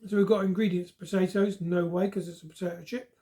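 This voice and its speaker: A woman's voice: on the low side, steady tone, quick pace, warm tone. A woman giving a casual, chatty food review, repeating words for emphasis. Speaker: snack reviewer.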